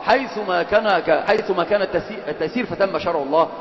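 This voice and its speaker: Fast-talking man teaching religion. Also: high voice, a bit bright. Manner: mixes classical Arabic with colloquial, quizzes and teases dozing students. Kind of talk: Islamic lesson to students. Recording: echoey lecture hall, dull lo-fi.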